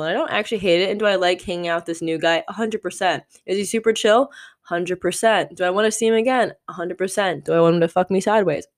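A young woman in her twenties hosts her own podcast alone, chatting frankly and loosely. Her voice sits a little low for a woman, and she rambles, filling her sentences with casual fillers. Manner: candid, rambling, frequent "like" fillers. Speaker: podcast host. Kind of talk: solo podcast chat.

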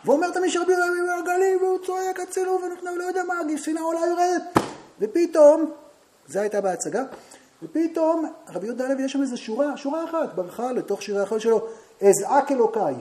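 A man teaching a Talmud class, telling a story to his students and turning to them with questions, now and then rising into loud, animated outbursts. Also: extremely high pitch.

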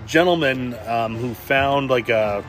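A man hosting a casual podcast, relaxed as he reads out and talks over news stories. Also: mid-range voice, slow, soft background music. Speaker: podcast host.

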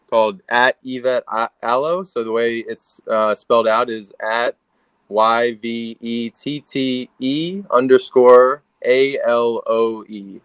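A man's voice: medium pitch, no room sound. A man, co-hosting a casual podcast and rambling with lots of fillers and restarts. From Philadelphia, USA. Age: 20s. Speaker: podcast co-host.

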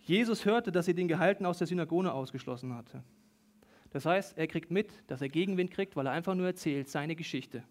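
A male preacher with a notably high voice, talking to his congregation in a loose, animated, conversational way. He speaks into a handheld microphone during a church service, often turning to the listener with a direct "you". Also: fairly quick. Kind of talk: sermon.

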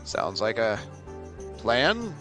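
A man's voice: mid-range voice, very animated, drawn-out words, sharp tone, soft background music, voice pushed down, heavily acted. A man voicing an easygoing, welcoming old tavern keeper in a tabletop role-play.

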